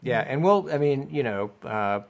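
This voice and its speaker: A man with a gravelly, creaky voice answers workshop questions. He is laid-back and hesitant, trailing through fillers on a video call. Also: mid-range voice, animated, normal speed. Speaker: media center staff. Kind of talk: casual Q&A answers.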